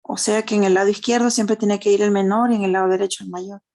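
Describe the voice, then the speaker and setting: A woman's voice: medium pitch, little pitch movement, fast talker, mellow. A woman with a Honduran Spanish accent teaching a math class online, explaining step by step and checking in with tag questions. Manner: uses diminutives.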